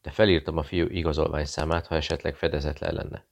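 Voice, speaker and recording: A man's voice: very deep voice, little pitch movement, gravelly. A man voicing a nervous Serbian barkeeper. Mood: fearful. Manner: clipped broken phrasing, hushed and fearful. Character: Serbian male barkeeper, nervous, secretive, broken speech.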